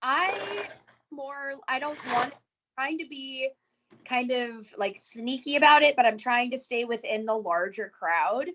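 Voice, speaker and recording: A woman talks as a player in a tabletop game. Her voice sits a little high, and she phrases things informally and a bit hesitantly. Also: expressive, unhurried, a bit bright, low-quality recording. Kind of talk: casual game chat.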